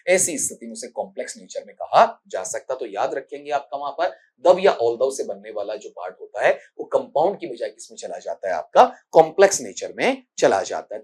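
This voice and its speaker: A man's voice: medium pitch, breathy edge. A man with a Rajasthani accent teaching English grammar for an exam, explaining step by step and quizzing his students. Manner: explains step by step, asks students questions, calls them "beta". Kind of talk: exam-prep lecture.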